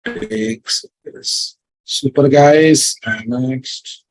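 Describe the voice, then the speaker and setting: A male programming instructor lecturing with a Telugu Indian accent. His voice sits a little high for a man and he goes slowly, repeating phrases and checking that the class understands. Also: sing-song, gravelly, low-quality recording. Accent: Telugu Indian English. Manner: repetitive, often checks understanding with listeners.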